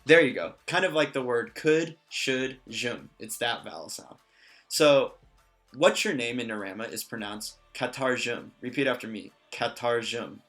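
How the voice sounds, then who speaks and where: A man teaching a language lesson in a relaxed way, with many fillers and joking asides. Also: mid-range voice, measured pace, faint music behind. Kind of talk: casual lesson.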